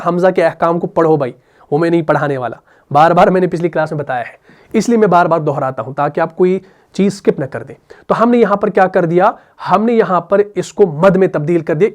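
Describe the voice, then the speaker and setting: A man with a high, light voice and an Urdu accent leads a Quran recitation lesson. He explains in a lively way and keeps asking his students questions before he answers them. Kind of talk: tajweed lesson.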